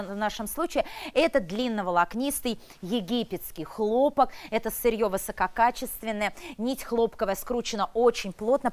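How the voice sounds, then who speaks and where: A woman presenting as a shopping channel expert, with a polished, emphatic and admiring sales delivery. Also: fairly high pitch. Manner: emphatic, admiring product explanation. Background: background music.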